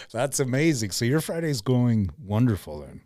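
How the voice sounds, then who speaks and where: A man's voice: mid-range voice, very animated, moderate pace, dark tone, dry recording. A man hosting a casual podcast, laid-back and encouraging, laughing a lot with his guest. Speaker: podcast host.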